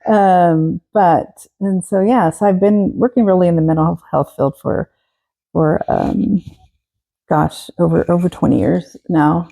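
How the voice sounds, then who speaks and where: A woman in her forties from Texas, a guest telling her story in a relaxed interview, pausing often and restarting. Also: fairly low pitch, creaky, poor audio. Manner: hesitant, many fillers and restarts. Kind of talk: casual interview.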